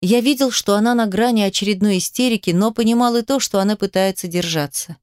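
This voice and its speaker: A woman narrating an audiobook in the first person, with an even, measured reading. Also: medium pitch, clear, resonant tone, no room sound, clean studio sound.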